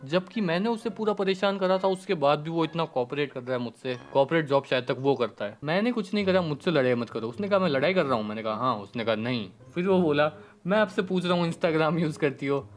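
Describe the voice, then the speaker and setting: A man's voice: fairly high pitch, lively intonation, fairly quick, hardly any pauses, soft background music. A young man, casually narrating a comedic vlog and reading chat messages aloud in a mock-innocent voice. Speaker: YouTuber.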